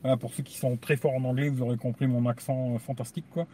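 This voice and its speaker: A man's voice: medium pitch, little pitch movement, fast talker, dark tone, husky. A man hosting a tech channel, chatting casually and crudely on a live stream, rambling and tagging nearly every phrase with a filler. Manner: crude, rambling, says "tu vois" constantly. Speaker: YouTube tech channel host.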